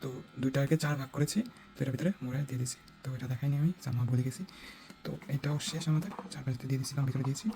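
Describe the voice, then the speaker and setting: A man casually explaining a speaker mod step by step, checking in with his listeners and pausing to search for words. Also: medium pitch, steady tone, dark tone, faint music behind, rough recording. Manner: talks step by step, checking in with "right?"; hesitant, with searching fillers while judging sound. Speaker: DIY tutorial host.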